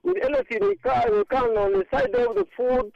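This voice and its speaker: Sex: man. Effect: clipped, poor phone line. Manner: hesitant, full of restarts. Pitch: very high, lively. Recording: muffled phone line, faint music. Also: creaky, dry recording. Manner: hesitant, many pauses and restarts. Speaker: charity founder calling in. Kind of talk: radio phone-in interview.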